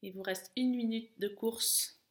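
A woman working as a running coach, guiding an interval session with urging, encouraging calls and countdowns in a creaky voice. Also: fairly high pitch, steady tone, measured pace. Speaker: running coach and podcast host. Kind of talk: guided interval-training coaching. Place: at home, indoors.

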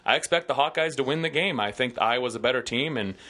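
A man's voice: medium pitch, fast talker, sharp tone. A man with a Midwestern American accent, co-hosting a sports podcast and confidently giving his football picks in casual banter. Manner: confident, chatty betting analysis. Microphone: studio podcast microphone.

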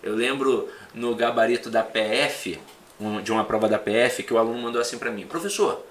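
A man who teaches for exam prep, chatting in a relaxed conversation and telling animated stories. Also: fairly low pitch, brisk. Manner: animated storyteller, acts out quoted students. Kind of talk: casual podcast conversation.

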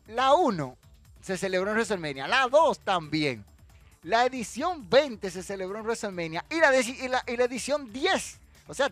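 A lively man with a high voice hosts a wrestling trivia quiz on a livestream. He is animated and teasing, reading viewer comments and answering the chat directly in a casual way.

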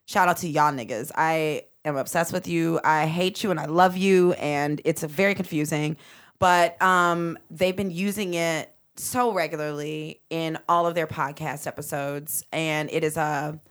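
Animated Midwestern woman podcast host. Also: deep voice. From American Midwest. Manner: loud laughing, swearing, animated storytelling. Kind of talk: casual chat. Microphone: headphones and studio mic.

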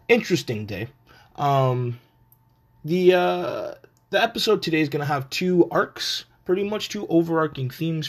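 Blunt, slangy man ranting casually. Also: mid-range voice. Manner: profane, blunt, animated street-slang delivery. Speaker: podcast host.

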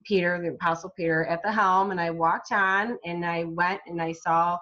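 Woman guest, author, slow halting testimony, low voice, muffled recording. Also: fairly even intonation, pushed and bright, a little hiss or hum. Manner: halting, with many restarts and fillers. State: recovering from a brain injury. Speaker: guest, self-published author. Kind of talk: personal testimony in an interview.

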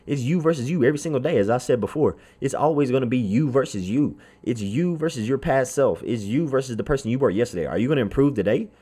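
A man's voice: mid-range voice, a little mellow. A man hosting a motivational podcast, speaking straight to the listener in an emphatic, repetitive, colloquial way. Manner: informal, colloquial phrasing. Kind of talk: motivational speech.

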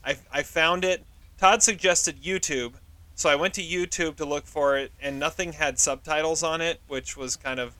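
A man's voice: a little high, moderate pace, no room sound. A man co-hosting a podcast, telling in casual chat how he tracked down a film he reviews. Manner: relaxed storytelling, explains step by step. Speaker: podcast co-host.

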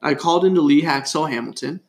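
Young man from California, slightly high. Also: quick pace, vocal fry. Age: young adult. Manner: storytelling, with frequent fillers. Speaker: podcast co-host. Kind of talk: casual sports chat.

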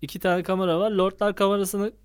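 A man with a high, smooth, resonant voice co-hosts a casual podcast. He explains things easily and laughs often. The sound is dry and close to the mic. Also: flat delivery, quick pace, no echo. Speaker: podcast co-host. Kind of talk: casual joking chat.

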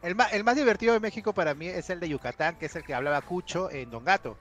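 A man's voice: high-pitched, fast, a bit bright. A man co-hosting a casual gaming podcast, talking eagerly and explaining things. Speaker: podcast co-host.

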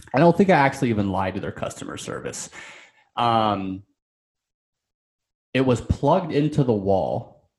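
A man guest on a podcast, talking casually and rambling with many fillers and restarts. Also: fairly low pitch. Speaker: coaching client guest.

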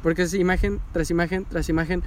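A man, chatting casually about an anime in an animated, excitable way, swearing freely. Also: sits high, quick pace. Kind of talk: casual chat recapping an anime.

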